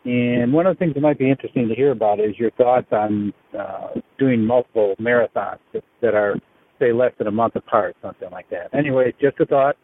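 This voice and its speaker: A man's voice: mid-range voice, fairly quick. A man leaving a hesitant, friendly voicemail for a show. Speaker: caller leaving a message. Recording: tinny phone line with faint noise.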